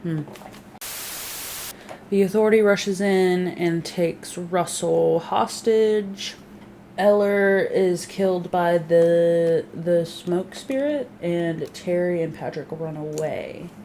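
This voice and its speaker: A young woman with a slightly low, dark-toned voice races through a casual TV season recap, peppering it with profanity and sarcastic comments. She does quick impressions of the characters, and a faint ambient hiss sits underneath.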